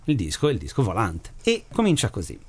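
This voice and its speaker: A man's voice: fairly low pitch, brisk, breathy edge. A male radio host who chats casually, with some hesitation, then reads a story aloud expressively. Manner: chatty and expressive, with hesitant fillers when speaking off the cuff. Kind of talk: radio show hosting and reading a story aloud.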